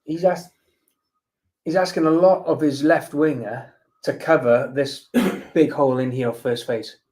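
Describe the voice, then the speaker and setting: A man co-commentating on a live rugby match. He mixes brief interjections with calm tactical analysis. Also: on the high side, measured pace, low-quality recording.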